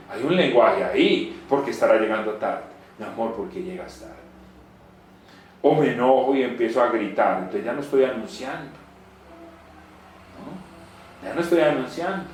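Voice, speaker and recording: A man preaches, his voice sitting a little high and ringing through a very reverberant room. He swings between loud rhetorical questions and hushed asides. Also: a little hiss or hum. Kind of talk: sermon. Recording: very echoey room.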